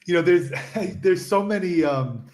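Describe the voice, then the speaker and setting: A man co-hosting a podcast, asking long, rambling questions in a relaxed, casual way. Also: high-pitched, a little slow. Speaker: co-host. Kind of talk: casual interview chat.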